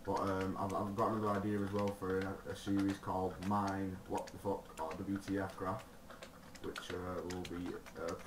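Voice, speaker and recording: A man giving gameplay commentary, rambling and swearing, with sudden excited shouts. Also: low-pitched. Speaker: gaming video creator. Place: room at a computer. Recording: roomy, distant mic, loud keyboard noise.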